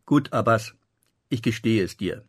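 A man's voice: on the low side, expressive, unhurried, slightly rough, dry recording, clean studio sound. A man voicing a reserved male guest who evades questions, in an audiobook. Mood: confessing. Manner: guarded, evasive. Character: reserved male guest, a father searching, evasive.

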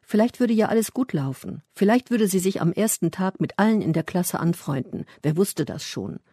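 A man reading a first-person literary story aloud in a measured, reflective way. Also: high voice, animated, dark tone, slightly rough, dry recording, clean studio sound. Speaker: audiobook narrator.

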